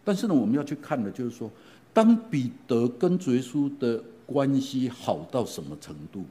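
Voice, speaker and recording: A middle-aged man preaching a sermon, retelling stories in an animated way and often asking his listeners questions. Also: mid-range voice, normal speed. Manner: animated, asks the congregation questions, frequent fillers. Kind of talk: sermon storytelling.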